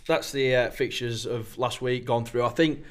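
A man's voice: medium pitch, moderate pace. A man, hosting a sports podcast and teasing his guest while he leads the questions. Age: 20s. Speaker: podcast host. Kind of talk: casual chat.

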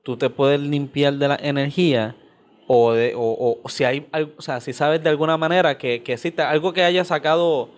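A man's voice: a little high, steady tone, normal speed. A man interviewing a guest, asking curious follow-up questions with casual fillers.

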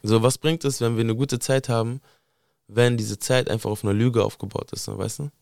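A man hosting a podcast who talks in a relaxed, slangy way with many fillers. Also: mid-range voice, fairly quick, creaky, dry recording, studio quality. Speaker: podcast host. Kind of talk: casual chat.

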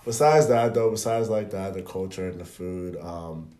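Here the same kind of speaker, a Beninese man in his twenties whose first language is French, chats casually on a podcast. His deep voice moves at normal speed with a roomy sound, and his laid-back stories are full of fillers.

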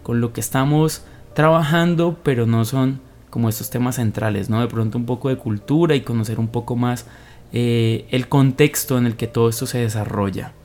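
A man's voice: mid-range voice, normal speed, darkish tone. Earnest man giving a devotional talk. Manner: earnest, explanatory, with occasional fillers. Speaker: podcast host giving a Bible reflection.

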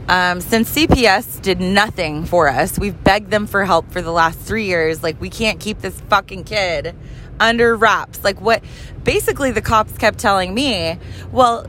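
Driving while she films a casual vlog, a woman who hosts a podcast and is a mother rants bluntly, swearing and rambling as she goes. Her voice is mid-range and a bit bright, and there's a little hiss or hum on the recording.

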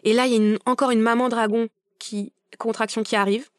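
Speaking briskly in a fairly high voice, this young adult woman appears as a podcast guest and recounts her birth story informally. She performs the quoted exchanges with emotion and lots of energy. The recording is clean studio audio with no echo.

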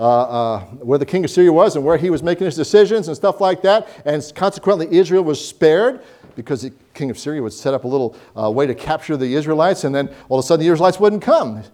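A man preaching a sermon, telling Bible stories with animated voices and reading scripture slowly. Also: mid-range voice. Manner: animated storytelling, acts out Bible characters; slows down to read scripture.

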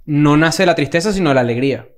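Fast, joking man. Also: a little high, expressive. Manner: joking, playful. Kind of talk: casual chat.

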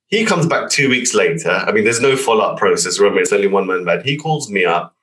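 A man with a fairly low voice tells a personal story as a guest. He is animated and puts on the voices of the people he quotes. He sits a little back from the microphone. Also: fast, recorded from a distance, low-quality recording. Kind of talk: casual storytelling.

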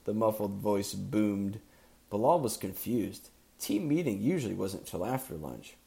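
A man hosting a podcast, reading a silly story aloud in a mock-serious tone and often breaking into laughter. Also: on the low side. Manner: laughing through a deadpan read. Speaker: podcast host.

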